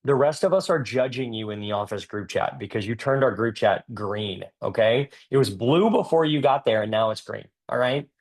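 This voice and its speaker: Gravelly joking man giving a talk. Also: mid-range voice, moderate pace, hardly any pauses. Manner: energetic, joking, emphatic. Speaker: dentist and speaker. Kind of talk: humorous motivational talk.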